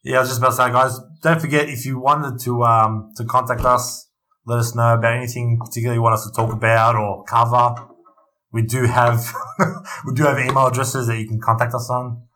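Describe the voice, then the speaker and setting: A man chatting casually as a gaming podcast co-host. His voice is bright and forceful, and he rambles, restarts and retells the story as he goes. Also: mid-range voice, level tone, a little fast. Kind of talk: casual chat.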